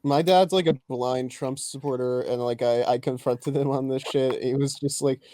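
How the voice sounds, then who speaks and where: A man co-hosting a podcast, speaking in a measured, thoughtful way with fillers. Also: mid-range voice, fairly even intonation, mellow, slight background noise. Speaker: podcast co-host. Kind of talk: casual political chat.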